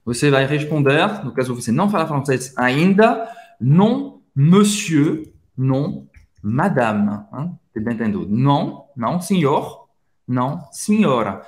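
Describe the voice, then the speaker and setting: A man teaching a language lesson, modelling pronunciation with drawn-out, expressive repetition. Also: medium pitch, echoey room. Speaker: French teacher.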